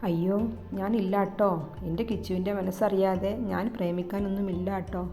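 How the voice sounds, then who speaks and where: A woman reads the part of a bashful young woman in a romantic audio story, easily flustered and emotional. She sounds warm and mellow, with faint music behind. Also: medium pitch, flat delivery, moderate pace, natural voice.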